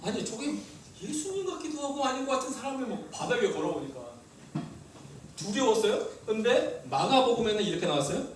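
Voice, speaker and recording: Lively pastor in an echoey church. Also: male voice, very high-pitched, a little fast, recorded from a distance, a little hiss or hum. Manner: lively, asks the congregation questions. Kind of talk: sermon. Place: church hall.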